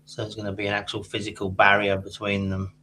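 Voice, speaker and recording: A man's voice: lowish voice, monotone, fast talker, bright, forceful tone. A man casually explaining the steps of his guitar build. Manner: explains his work step by step. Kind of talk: casual chat. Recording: faint hum.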